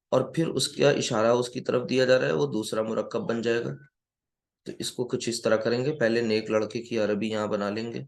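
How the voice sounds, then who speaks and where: A man giving a classroom grammar lecture who keeps quizzing his students and slowly repeats key words. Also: mid-range voice, vocal fry. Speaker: Arabic grammar teacher.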